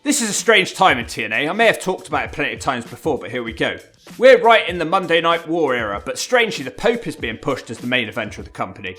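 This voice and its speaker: A man's voice: fairly high pitch, very animated, fast, a bit bright. A man narrating a scripted countdown commentary in a wry, informal and emphatic way. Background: background music.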